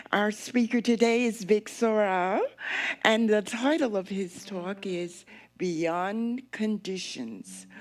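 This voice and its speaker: A woman speaking as hostess of a spiritual service, in the style of a welcoming address and guided meditation, with deliberate, spaced-out phrasing. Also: medium pitch, a little mellow. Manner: slow, deliberate phrasing with long pauses. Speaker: spiritual practitioner hostess leading a church service. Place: live church service with an audience.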